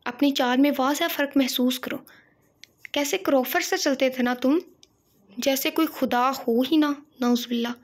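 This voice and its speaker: A woman's voice: high voice, normal speed. A woman voicing a sorrowful mother who speaks in a heavy, admonishing tone to her grown son. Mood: mournful reproach.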